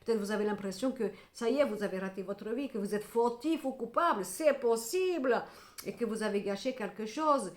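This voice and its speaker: A woman's voice: fairly high pitch, animated, fairly quick. Middle-aged woman tarot reader, emphatic, scolding then consoling, in an echoey room. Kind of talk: tarot reading to camera.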